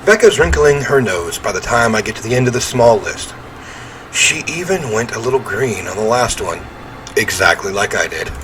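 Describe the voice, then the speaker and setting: Speaking at a moderate pace, a man with a fairly low, slightly bright voice gives animated let's-play commentary, reading game text and chatting informally. The audio is poor, with noise behind his voice.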